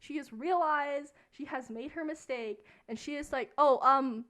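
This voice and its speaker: A woman's voice: sits high, moderate pace. A young woman streamer telling a story casually while she plays a game, talking in a chatty way with lots of fillers.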